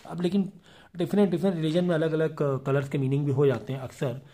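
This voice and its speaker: Male lecturer with a mellow voice; patient explainer who reads textbook passages slowly and keeps checking that students follow. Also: a little high. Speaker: teacher. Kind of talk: classroom lecture.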